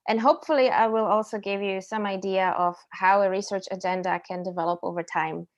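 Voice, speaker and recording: A woman from Slovakia in her thirties giving a technical conference talk over a video call, explaining clearly with some ums and self-corrections. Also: mid-range voice, steady tone, fairly quick, muffled recording. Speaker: invited speaker. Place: indoor room at home or office.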